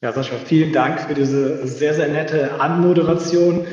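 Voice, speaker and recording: A man with a fairly high voice, heard on a low-quality home-office recording. His voice booms with strong echo and a long reverb tail, and the sound is muffled and lo-fi. He explains at length as an interview guest, often pausing on filler sounds. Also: steady tone, a little mellow. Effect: low-quality home-office recording with heavy room reverb and no proper mic. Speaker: interview guest, event entrepreneur. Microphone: unsuitable microphone. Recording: echoey lo-fi reverberant room.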